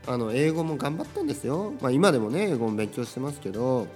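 Lively Japanese man chatting solo. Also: medium pitch, fast, faint music behind. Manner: energetic, chatty, frequent tag questions. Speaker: podcast host teaching Japanese. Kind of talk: casual solo podcast talk.

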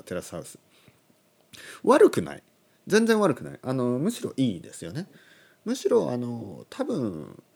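Animated man in his thirties. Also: mid-range voice. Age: 30s. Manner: animated, chuckling, corrects his own phrasing aloud. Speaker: Japanese language teacher, podcast host. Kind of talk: casual podcast lesson.

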